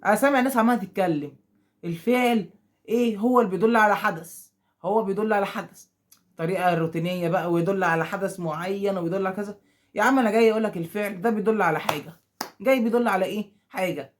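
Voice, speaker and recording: Fast-talking Egyptian teacher, quizzing himself. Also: male voice, high voice. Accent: Egyptian Arabic. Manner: quizzing, repeating questions and answering them himself; acts out pupils' objections. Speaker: Arabic grammar teacher. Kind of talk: online grammar lesson for school pupils.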